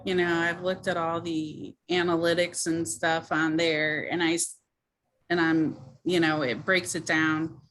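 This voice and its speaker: Woman, casual chat, slightly low pitch, very unhurried pace, hesitant, modest manner. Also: little pitch movement, fairly bright tone, slight background noise. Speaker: online video creator.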